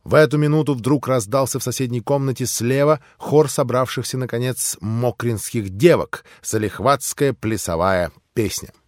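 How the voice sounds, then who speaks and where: A man reading a classic novel aloud as an audiobook narrator, in an expressive, theatrical manner. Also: medium pitch, moderate pace, hardly any pauses, dry recording, clean studio sound.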